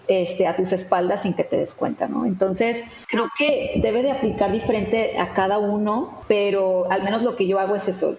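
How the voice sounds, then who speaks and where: A woman's voice: medium pitch, darkish tone, roomy sound, lo-fi sound, a little hiss or hum. Woman telling a travel story. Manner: many fillers and tag questions. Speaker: interview guest. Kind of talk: conversational storytelling.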